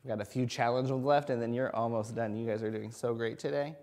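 A man's voice: medium pitch, fairly even intonation, fast talker, darkish tone. A man in his thirties giving a phonics lesson, speaking simply and encouragingly as if to a small child. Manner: sounds out and spells words letter by letter. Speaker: kindergarten reading teacher. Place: indoors at an interactive whiteboard.

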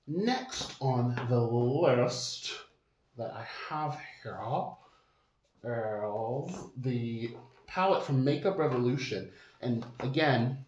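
A man's voice: medium pitch, lively intonation, drawn-out words, a little mellow, a little hiss or hum. A man giving a casual makeup product review, chatty and candid with sassy asides. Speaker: makeup vlogger. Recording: roomy echo.

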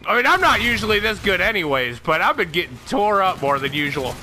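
A man giving profane, excitable gameplay commentary, shouting at the game and laughing often. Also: high-pitched, brisk, a little hiss or hum. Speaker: gaming channel host.

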